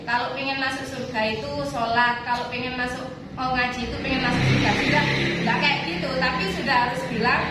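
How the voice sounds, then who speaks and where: Recorded from a distance in an echoey, noisy room, a woman with a high voice and an East Javanese accent teaches students an informal religious lesson. Weaving in a personal story, she poses rhetorical questions and then answers them herself.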